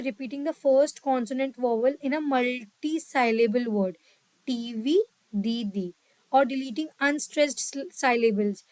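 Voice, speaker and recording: A woman teaching a psychology lesson, reading English lines slowly and explaining them in quicker Hindi, often checking in with her listeners. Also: high-pitched, no echo, rough recording. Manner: checks in with "ठीक है". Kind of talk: lecture mixing Hindi and English.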